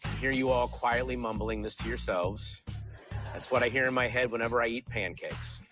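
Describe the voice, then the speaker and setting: A man's voice: mid-range voice, steady tone, a little fast, over music. A man hosting a television quiz show, reading questions and teasing contestants playfully. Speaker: game show host.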